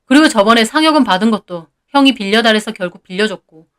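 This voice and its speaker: A woman voicing a young husband who is fed up and talks back loudly and bitterly. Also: fairly high pitch, fairly quick, lightly acted. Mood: bitter shouting. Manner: loud, bitter, firm.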